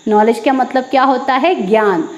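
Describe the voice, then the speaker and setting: Female English teacher, high voice, repeats rules and quizzes herself. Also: moderate pace. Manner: repeats key points, asks and answers her own questions. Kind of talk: explaining a lesson to viewers.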